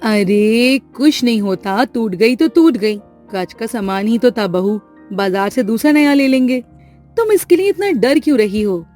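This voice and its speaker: Woman doing a gentle, kind mother-in-law. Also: fairly high pitch, animated, a little slow, faint music behind. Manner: gentle, reassuring. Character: kind, calm middle-aged mother-in-law. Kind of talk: storybook voice acting.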